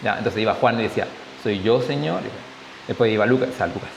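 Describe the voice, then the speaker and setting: A man's voice: lowish voice, rapid-fire. Chilean man teaching in an echoey hall. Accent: Chilean Spanish. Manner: conversational, often adds tag questions, jokes. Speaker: Bible study teacher. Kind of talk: church Bible study talk. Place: church hall. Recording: echoey hall, faint hiss.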